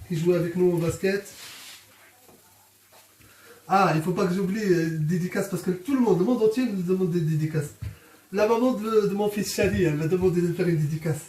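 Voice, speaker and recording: A man's voice: high-pitched, normal speed, long pauses, mellow. A man with a Moroccan accent chatting casually and jokily to viewers as he presents his home cooking. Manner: chatty, jokey, addresses viewers as friends. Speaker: host, home cook presenting a recipe. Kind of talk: casual cooking vlog chat. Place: indoors in a home kitchen. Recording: roomy, distant mic, faint noise.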